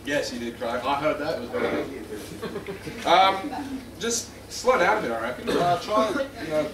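A man playing an exasperated stage director in a comedy skit, halting and restarting as he calls takes. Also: fairly high pitch, over a noisy crowd. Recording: echoey hall from far off, audience noise.

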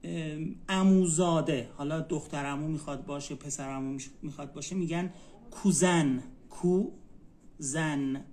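A man from Iran teaching a student one-on-one, saying each word slowly and repeating it so the student can write it down. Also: a little high, steady tone, a little mellow. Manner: repeats words slowly, spells them out for a student. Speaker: Turkish language tutor. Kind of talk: one-on-one language lesson.

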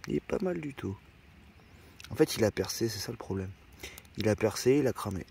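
This van-life vlogger chats casually by an outdoor campfire, rambling in slang and swearing freely. His lowish voice is animated and brisk, a little mellow with vocal fry, and there's a slight hiss or hum in the recording.

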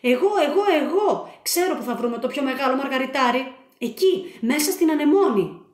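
A woman's voice: on the high side, reverberant. A woman voicing a selfish, boastful young male octopus in a children's story. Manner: loud, excited, boasting.

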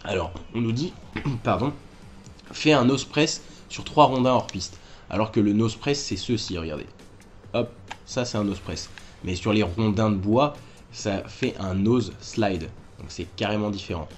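A man's voice: on the low side, a little slow, soft background music. A man hosting a game walkthrough, talking casually and correcting himself as he explains moves to viewers. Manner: chatty, self-correcting, addresses viewers directly. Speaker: gaming walkthrough host.

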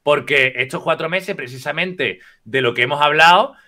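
Insistent bright-voiced man arguing. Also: a little high, moderate pace. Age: 40s. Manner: insistent, keeps asking not to be interrupted. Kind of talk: heated live debate.

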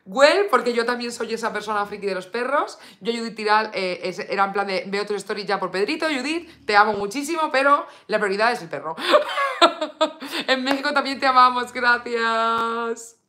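A woman's voice: a little high, normal speed, sharp tone. A woman from Spain chatting casually on a live stream, full of fillers and reading viewer comments aloud. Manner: coos baby talk at her dog. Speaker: beauty vlogger live streaming.

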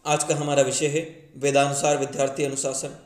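A man's voice: mid-range voice, flat delivery, brisk. A man hosting a channel, reading a book preface aloud in earnest with small slips and restarts.

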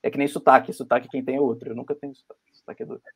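A man with a Brazilian Portuguese accent talks through ideas on a video-call panel. His voice sits at a middle pitch. He hesitates often, restarts his sentences and adds small tags as he goes. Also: flat delivery, racing, slightly rough. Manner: thoughtful, many fillers and restarts. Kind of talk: academic panel discussion.

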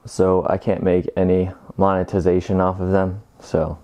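A man in his thirties talking casually to camera as a fitness vlogger during a workout, informal and halting between efforts. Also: deep voice, level tone, dull audio. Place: home gym room, indoors.

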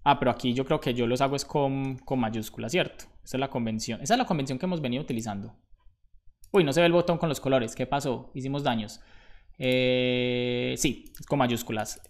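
A man's voice: mid-range voice, a little fast. Guy live coding, talks to himself while typing, jokes about his own mistakes. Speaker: programmer streaming live. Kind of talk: casual live-coding tutorial.

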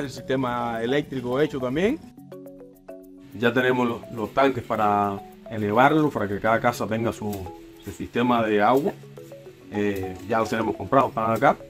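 Cuban man giving a site report. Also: mid-range voice. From Cuba. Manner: plain, informal, halting repeats. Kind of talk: walkthrough report.

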